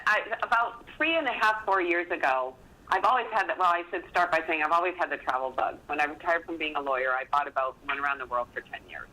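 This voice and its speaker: Talking fast in a deep voice over poor audio, a middle-aged woman, an author and podcast guest, tells stories in an easygoing, chatty way. She's self-deprecating and animated when retelling exchanges.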